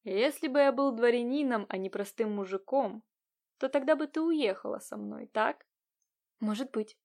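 A woman voicing a passionate, bitter young peasant man in an audiobook, speaking low and hushed with intensity. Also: moderate pace, vocal fry.

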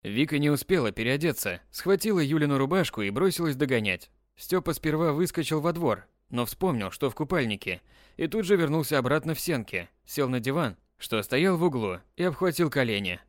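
Brief: male audiobook narrator, animated delivery, dry close studio sound. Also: on the high side, a little fast, no room sound. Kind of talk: scripted narration.

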